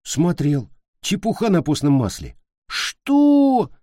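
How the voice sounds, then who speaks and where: Shrill, quarrelsome schoolboys at a summer camp trade taunts in a storybook reading, as a man puts them on. Their voices swoop high and jump around with excitement. The tone stays mellow and the sound is dry and close. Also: slow pace, no echo, exaggerated voice. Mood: squabbling.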